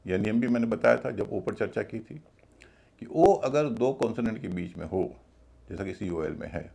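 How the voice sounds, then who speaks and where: A man's voice: lowish voice, moderate pace, creaky, dark tone, slightly rough. A man teaching English pronunciation in a video class, explaining each rule step by step and spelling words out letter by letter.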